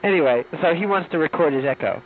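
A man's voice: on the high side, animated, fast talker. A man chatting casually on a phone call, heard from an old worn cassette tape, describing the setup offhand with fillers.

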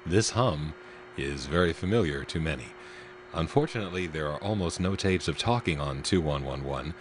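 A man with a strikingly deep, low-pitched voice narrates in an explanatory style. His delivery is technical and precise, setting out details step by step. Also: expressive, moderate pace, slight background noise. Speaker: narrator of telephone history recordings.

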